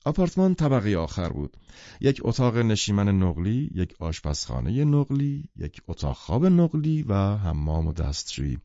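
A man narrating a novel as an audiobook, in a measured, expressive reading. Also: lowish voice, gravelly, dry recording, lo-fi sound. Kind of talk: scripted literary narration.

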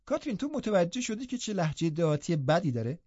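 A spoiled, sickly young man in a storybook, played by a man in a raised, quieter voice. He mocks and needles with every line. The sound is dull and lo-fi. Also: sits high, big pitch swings, slightly rough, dry recording, voice pushed up, heavily acted. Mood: mocking. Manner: mocking, snide.

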